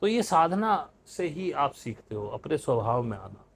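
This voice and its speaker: A man's voice: on the high side, big pitch swings, unhurried, breathy edge. A man hosting a meditation podcast, giving a conversational spiritual talk that mixes in English words and rises with emphasis on key points.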